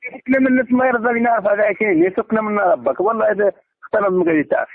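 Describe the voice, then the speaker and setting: A man's voice: high voice, rapid-fire, creaky. An Algerian man on a phone call, exasperated and insistent, arguing combatively as he demands to be paid back. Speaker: caller demanding repayment of a debt. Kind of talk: heated argument over the phone. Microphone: telephone. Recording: tinny, band-limited phone line.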